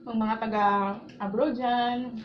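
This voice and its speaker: A woman's voice: fairly high pitch, fairly even intonation, slow pace. A woman with a Filipino accent chatting casually as a mukbang host, talking while she chews. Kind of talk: casual mukbang chat, mixing Filipino and English. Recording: muffled, roomy, clearly noisy home recording.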